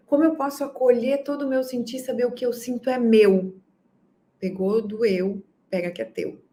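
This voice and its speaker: A woman's voice: medium pitch, slight background noise. A woman teaching a course for parents, talking earnestly and directly to listeners and acting out parents' voices. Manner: animated, often acts out parents' voices. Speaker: parenting educator. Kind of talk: online course talk.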